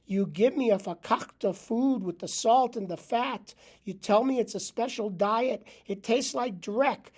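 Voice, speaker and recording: A man's voice: extremely high pitch, a little slow, few pauses, a little mellow. A man voicing a grumpy old male talking dog who complains nonstop, sprinkling in Yiddish words. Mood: aggrieved.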